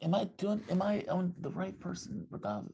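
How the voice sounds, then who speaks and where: A man's voice: sits high, normal speed, creaky, mellow, slightly rough. A man hosting a livestream panel, introducing guests with many ums and apologies. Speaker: livestream host.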